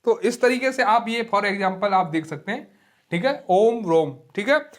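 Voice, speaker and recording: A man teaching a grammar class online, who explains slowly, repeats key terms and often checks in with his students. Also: sits high, animated, fairly bright tone. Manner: drags vowels out long to demonstrate them. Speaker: Hindi teacher. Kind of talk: online exam-prep lecture.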